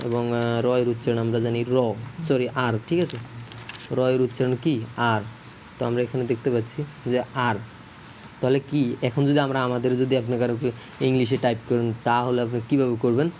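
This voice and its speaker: Brief: man teaching a casual video lesson, middle pitch, halting, self-correcting, faint noise behind. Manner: repeats checks for understanding.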